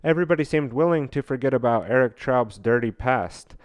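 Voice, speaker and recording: Man reading aloud with halting fillers. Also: mid-range voice, expressive, dry recording. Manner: halting, many fillers and restarts while reading. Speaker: podcast host.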